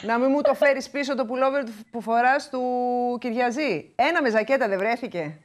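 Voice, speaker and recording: A woman hosting a local TV interview, chatty and teasing with her guest. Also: on the high side. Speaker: TV show host. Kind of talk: TV interview chat.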